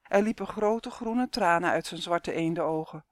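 Calm woman narrating a storybook. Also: on the low side, moderate pace, dry recording. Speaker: audiobook narrator.

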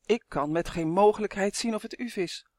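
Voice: medium pitch, brisk, warm tone, dry recording, lightly acted. Reader putting on a stern grown-up lady, firm, kinda scolding, dry sound. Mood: matter-of-fact.

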